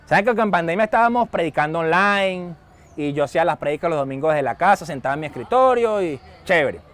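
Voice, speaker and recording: High-voiced Venezuelan pastor preaching. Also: male voice, fast. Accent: Venezuelan Spanish. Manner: storytelling, animated, shouts when acting out a scene. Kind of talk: sermon.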